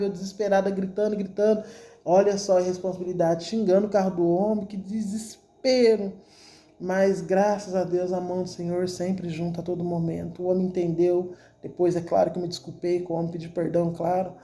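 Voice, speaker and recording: A woman's voice: lowish voice, level tone, brisk, dark tone. A woman with a Brazilian Portuguese accent gives a religious testimony to her congregation. She repeats words often as she tells her story with feeling. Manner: emotional, repetitive storytelling addressed to the congregation. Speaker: church member giving a testimony.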